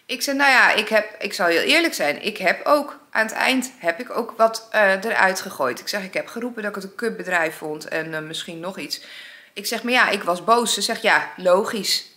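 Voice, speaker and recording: A woman's voice: medium pitch, normal speed, pushed and bright. A woman vlogging, casually telling a story and acting out both sides of an argument. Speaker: vlogger, single mother.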